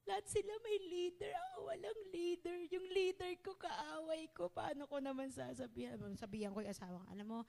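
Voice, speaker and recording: A woman's voice: very high voice, fairly quick, creaky, hardly any pauses, darkish tone. A woman preacher giving a heartfelt sermon, confiding personal stories and building to fervent exhortation. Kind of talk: Taglish sermon.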